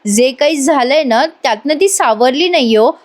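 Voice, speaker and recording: A woman reading out the lines of a gentle young bride who pleads softly for her sister. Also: sits high, lively intonation, normal speed. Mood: pleading. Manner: soft, pleading.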